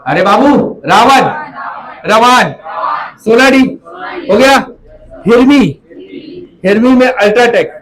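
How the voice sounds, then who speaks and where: A man's voice: high-pitched, rough recording. A man teaching a classroom lecture, repeating memory tricks and calling students "beta".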